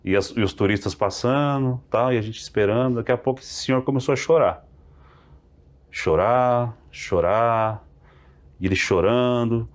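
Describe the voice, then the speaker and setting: A man, a podcast guest telling a religious testimony in an animated way, acting out the dialogue. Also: medium pitch, normal speed. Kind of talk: testimony storytelling.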